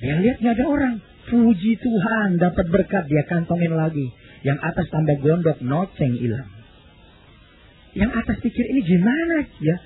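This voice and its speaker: A male pastor preaching in a lively storytelling way, acting out voices and calling out to the congregation. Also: high voice, normal speed, narrow, tinny audio, slight background noise. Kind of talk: sermon storytelling.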